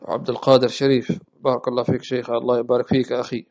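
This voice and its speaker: A gravelly-voiced man teaching at a rapid clip, his pitch held almost flat. He answers viewers gently and often runs through repeated prayers. The sound is dull and lo-fi, like a home live stream. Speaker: religious teacher.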